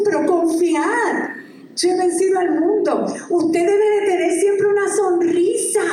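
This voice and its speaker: Reading scripture aloud amid enthusiastic outbursts, a high-pitched female preacher delivers a lively, exclamatory sermon. Her voice rings from afar through a big, echoing hall, with faint room ambience and slight background noise underneath.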